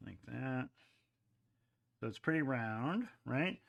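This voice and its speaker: A man's voice: medium pitch, animated, slow pace, vocal fry, lo-fi sound, heavy background noise. A man demonstrating pottery in his studio on a live stream, talking in a casual, chatty way with lots of fillers and asides. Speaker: ceramics teacher.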